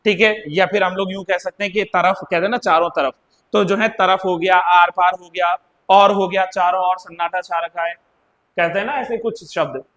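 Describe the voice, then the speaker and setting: A man's voice: sits high, fairly even intonation, normal speed, a bit bright. A man with an Uttarakhand Hindi accent teaching a live exam-prep class, explaining by repeating words and asking his students questions.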